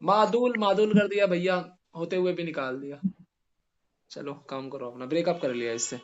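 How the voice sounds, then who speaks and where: A male grammar teacher giving a classroom lesson, spelling out letters slowly and putting questions to his students. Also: a little high, fairly even intonation, lo-fi sound, slight background noise.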